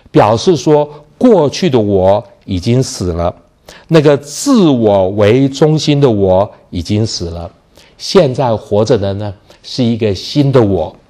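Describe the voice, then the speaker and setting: A man preaching with a warm, mellow tone and a lively, rising-and-falling delivery. He asks his listeners questions and then answers them himself. He stretches out the key phrases he wants to stress. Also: lowish voice. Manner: opens sentences with a habitual filler word. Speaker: pastor. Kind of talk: sermon.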